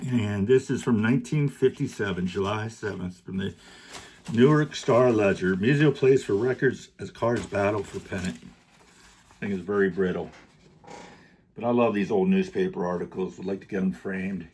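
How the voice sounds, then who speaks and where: A middle-aged man vlogging about collectibles, relaxed and joking, sometimes talking while chewing candy. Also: on the low side, normal speed, breathy edge. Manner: relaxed, joking, rambling with fillers. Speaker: card collecting YouTuber. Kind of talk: casual vlog, showing gifts to camera.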